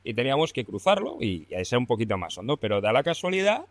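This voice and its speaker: A man's voice: mid-range voice, sing-song, quick pace, dry recording. A young man with an accent from Spain tells a story as a podcast guest, talking casually and colloquially, laughing often and swearing freely. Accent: Spain Spanish.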